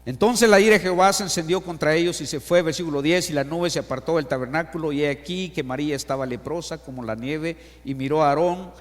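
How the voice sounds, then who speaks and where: A middle-aged man preaching a sermon to his congregation. He acts out Bible quotes and stories and asks the listeners questions. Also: on the high side. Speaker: pastor. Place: church sanctuary. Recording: long church hall reverb.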